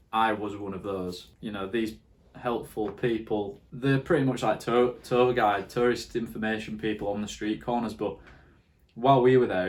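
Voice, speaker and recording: Young guy, lowish voice, chatting about his road trip over the footage. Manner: chatty, laughing, recounting stories over footage. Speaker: vlog co-host. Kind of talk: casual travel vlog commentary.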